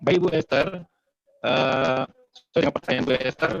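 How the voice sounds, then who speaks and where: Man on a glitchy call, jumping pitch. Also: normal speed, gravelly. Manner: polite and formal, with many fillers. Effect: choppy call audio that cuts out, with glitchy jumping pitch. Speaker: guest telling his success story. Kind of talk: formal testimonial over an online call. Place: home during heavy rain. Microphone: headset on an online call. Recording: dull, lo-fi call audio.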